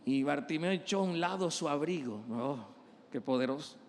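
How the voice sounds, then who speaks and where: A man's voice: fairly high pitch, normal speed, in a large hall, a little hiss or hum. A male pastor preaching an impassioned sermon and acting out the voices of the people he quotes.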